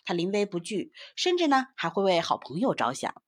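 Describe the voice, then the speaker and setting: A woman narrating a bedtime story for children in a gentle, expressive voice, speaking to little listeners. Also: mid-range voice, brisk.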